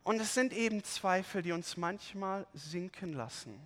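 A man preaching a sermon, reading scripture aloud and explaining it with lively, expressive emphasis. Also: sits high, a little slow, big-room sound.

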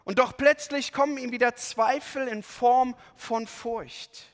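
A man preaching a sermon, reading scripture aloud and explaining it with lively, expressive emphasis. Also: extremely high pitch, takes it slowly, big-room sound.

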